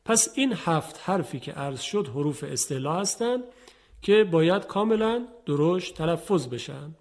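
Man, tajweed teacher, fairly high voice, formal and polite, slow drawn-out letters. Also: animated, darkish tone. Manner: polite, formal address to viewers. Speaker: Quran recitation teacher. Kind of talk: teaching Quranic tajweed pronunciation.

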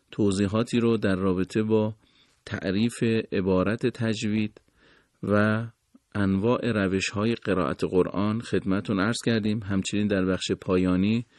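A man teaching Quran recitation on a radio lesson programme, speaking in a formal, polite and measured way. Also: lowish voice, darkish tone, dry recording, clean studio sound.

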